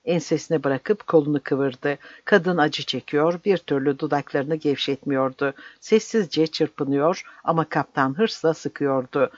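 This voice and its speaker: An audiobook narrator reads a dramatic novel in an intense, measured way at a middle pitch. The recording is dry, with no room sound, and slightly dull. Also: no room sound.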